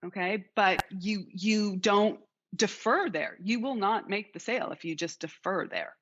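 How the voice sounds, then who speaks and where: A woman's voice: medium pitch, a little slow, fairly bright tone, dull audio. A woman hosting an interview podcast, speaking thoughtfully, restarting phrases and steering the conversation. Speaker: podcast host. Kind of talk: casual interview chat.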